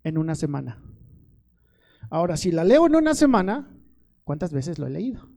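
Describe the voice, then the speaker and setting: A man's voice: on the high side, sing-song, moderate pace, creaky, dark tone. A middle-aged male pastor preaching a sermon, asking the congregation questions and pleading with growing fervor.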